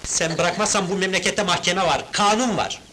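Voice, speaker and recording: An actor playing a reluctant new husband who speaks in a hesitant, prim way in an old film. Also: male voice, high voice, normal speed, pushed and bright, a little hiss or hum. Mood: flustered. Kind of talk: 1970s film dialogue. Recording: old film soundtrack with music behind.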